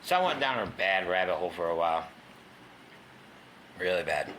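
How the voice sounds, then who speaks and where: A middle-aged man tells his story bluntly, with occasional swearing. His voice sits very low yet comes across bright and forceful. A faint hiss stays under the recording. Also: animated, normal speed. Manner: raw, candid, swears, acts out quoted voices. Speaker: guest telling his recovery story. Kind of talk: personal storytelling in a talk show. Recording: faint background noise.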